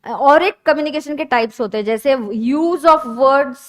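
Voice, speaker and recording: A woman's voice: high-pitched, measured pace. A woman teacher lecturing a class in a classroom, mixing Hindi and English and answering her own questions to the students.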